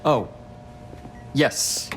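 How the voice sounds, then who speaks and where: A serious game scientist doctor, formal n clipped, takes his time, music behind. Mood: somber, clinical. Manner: formal, clipped, deliberate questioning. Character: grave, measured male scientist doctor checking on a patient. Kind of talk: video game voice acting.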